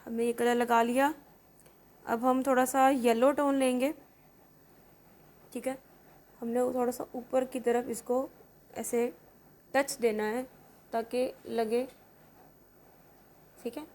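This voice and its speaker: Chatty high-voiced woman makeup vlogger. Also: little pitch movement, takes it slowly, long pauses, darkish tone, slight background noise. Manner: chatty, repeats "theek hai" often. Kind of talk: casual makeup tutorial.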